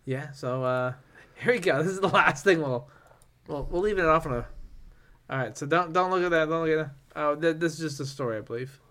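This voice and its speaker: Animated rambling male podcast host. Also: on the high side, fairly quick. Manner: rambling, animated, laughs nervously while reading. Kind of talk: casual podcast chat.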